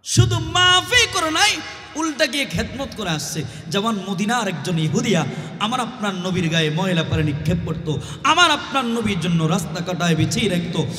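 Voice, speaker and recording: A male preacher giving a waz sermon, swinging from soft storytelling to shouted appeals to the crowd. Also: high-pitched, big pitch swings, a little fast. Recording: echoey loudspeaker sound with long reverb.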